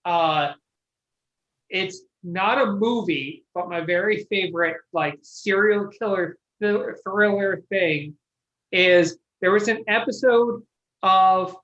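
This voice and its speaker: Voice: medium pitch, slow, fairly bright tone, highs cut off. A podcast panelist in casual chat, enthusiastic and rambling, swearing freely while retelling something.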